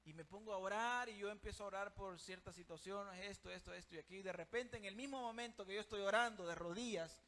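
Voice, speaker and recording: Fervent high-voiced male preacher. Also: a bit bright. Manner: fervent, addresses listeners as brother and sister. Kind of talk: sermon.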